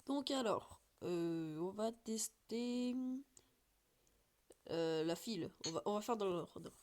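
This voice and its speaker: A woman's voice: mid-range voice, lively intonation, takes it slowly, a little mellow. A woman giving casual gameplay commentary as a YouTuber, chatty and rambling with lots of fillers and restarts. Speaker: gaming YouTuber.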